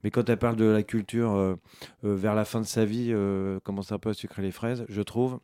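A middle-aged philosophy teacher answering interview questions in a relaxed, rambling way, full of hesitations. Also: male voice, lowish voice, a little fast, clean tone. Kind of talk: casual radio interview.

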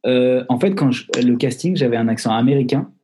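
A man's voice: mid-range voice, brisk, dark tone, slight background noise. A man, an actor, chatting casually in an interview over a video call, joking with mock-serious tall tales. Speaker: actor guest.

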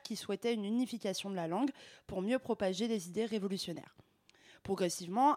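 A woman's voice: mid-range voice, darkish tone. A young woman, speaking as a panellist on a discussion show. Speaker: panellist and presenter. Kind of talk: casual chat and prepared explanatory segment.

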